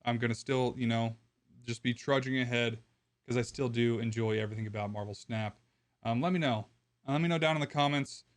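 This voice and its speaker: A man who makes gaming videos, ranting to his viewers in a frustrated, rambling way with many restarts, his voice going hoarse. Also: medium pitch, fairly even intonation, a little fast. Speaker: gaming content creator. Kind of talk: opinion rant to camera.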